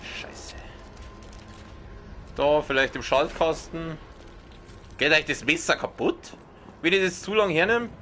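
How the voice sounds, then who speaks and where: A man with a Bavarian accent doing excited, swearing let's play commentary on a horror game, often yelling and yelping. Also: fairly high pitch, measured pace, long pauses, slight background noise.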